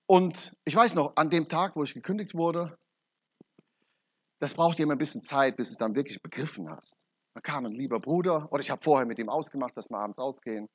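Husky preacher giving testimony. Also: male voice, a little fast. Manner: emphatic, swings between loud urgent peaks and quiet low asides. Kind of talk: testimony sermon.

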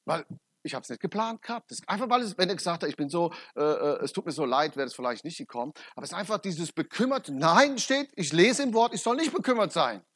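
Middle-aged man, husky, slightly high voice, emphatic testimony preacher. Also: animated, fast, few pauses. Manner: emphatic, swings between loud urgent peaks and quiet low asides. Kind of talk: testimony sermon.

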